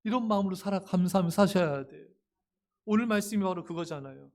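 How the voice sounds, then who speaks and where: A man preaching a sermon with a notably high-pitched voice. He speaks straight to his listeners, animated and expressive, and slips into playful acted-out remarks to drive his points home. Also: fast, creaky. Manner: addresses the congregation directly and often; animated, acts out everyday quotes with humor. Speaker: pastor.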